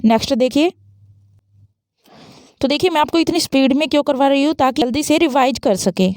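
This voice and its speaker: High-voiced woman teaching English intonation. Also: fairly quick, a little mellow, no echo, clean studio sound. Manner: explains step by step, asks and answers her own questions. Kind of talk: fast-paced English grammar lesson.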